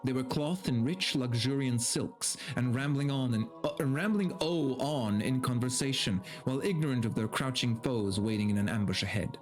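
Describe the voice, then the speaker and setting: With game music playing, a man of medium pitch speaks at normal speed and barely pauses. He rambles casually on stream, swearing loosely, and reads a story aloud dramatically.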